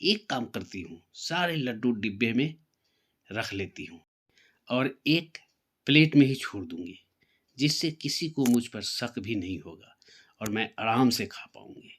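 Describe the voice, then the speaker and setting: A man's voice: mid-range voice, lively intonation, unhurried, a bit bright, husky. A man voicing a scheming, greedy young woman in a spoken story, talking slyly and gloating. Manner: sly, gloating.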